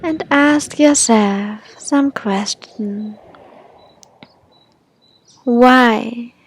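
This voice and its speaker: A woman leading a guided meditation in an airy, breathy, soothing manner, like a spiritual healer. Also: fairly high pitch, very slow.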